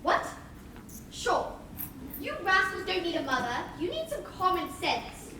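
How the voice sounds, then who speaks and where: A woman's voice: extremely high pitch, big pitch swings, measured pace, full character voice. A woman playing a prim, motherly young girl who asks many polite questions, on a live stage. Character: proper motherly young girl, curious and sensible. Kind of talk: stage play acting. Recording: echoey stage recorded from far off, with loud noise.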